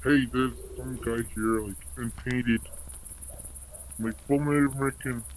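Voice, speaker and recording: A man's voice: medium pitch, steady tone, measured pace, slight background noise, rough recording. An anonymous man telling stories in a rambling, casual way, his voice electronically altered to disguise it. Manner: rambling, filler-heavy, many "like"s. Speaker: anonymous storyteller. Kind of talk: casual storytelling.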